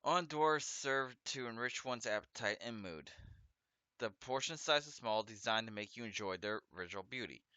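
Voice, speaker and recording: A man's voice: mid-range voice, moderate pace, sharp tone, clear, resonant tone, no echo, dull audio. A man hosting a let's play, reading game text aloud and chatting casually, with a speech impediment that makes his S and R sounds come out a little off. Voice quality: speech impediment, trouble with S and R sounds, a slight lisp. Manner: stumbles over foreign words, self-correcting and chatty.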